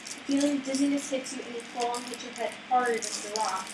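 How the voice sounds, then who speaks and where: A woman's voice: a little high, fairly even intonation, quick pace. Woman reading a game story aloud. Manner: reads narration, then chats and laughs with players. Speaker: game narrator. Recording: echoey room, distant mic, background noise.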